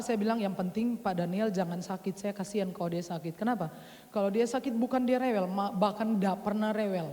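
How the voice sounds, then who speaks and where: A woman preaching a sermon in a chatty storytelling manner, rising at times to loud exhortation. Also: mid-range voice. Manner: conversational storytelling, swings from soft to loud exhortation. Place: large church hall. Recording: long church hall reverb.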